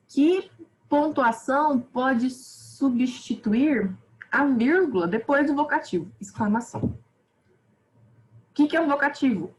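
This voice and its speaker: A woman teacher with a Brazilian Portuguese accent, giving a quick, informal grammar review with lots of self-interruptions. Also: on the high side, a little hiss or hum, low-quality recording. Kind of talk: online grammar review lesson.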